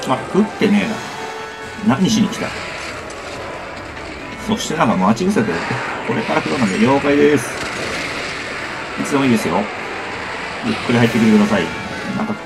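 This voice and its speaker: A man's voice: medium pitch, animated, fairly quick, pauses often, low-quality recording. A man doing casual live game commentary, chatting to viewers and muttering to himself as he plays. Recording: loud game music behind voice. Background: game music and sound effects.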